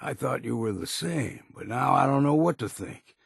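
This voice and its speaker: An actor playing a gruff, stubborn old seafarer in a video game, with a gravelly, raspy voice and a plain-spoken, folksy, weary but loyal manner. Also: male voice, medium pitch, expressive, normal speed, no room sound, studio quality, exaggerated voice. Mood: troubled, reproachful. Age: older. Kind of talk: video game character dialogue.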